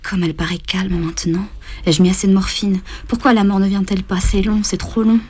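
A woman voicing a grown daughter at her dying mother's bedside, thinking in a tense, hurried inner voice. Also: medium pitch, little pitch movement, darkish tone, slight background noise, close to an everyday voice. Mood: anguished.

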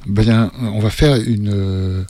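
Hesitant male radio host, fairly low voice, dry close mic. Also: steady tone, mellow, dry recording. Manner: halting, many fillers and restarts. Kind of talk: hesitant talk radio commentary.

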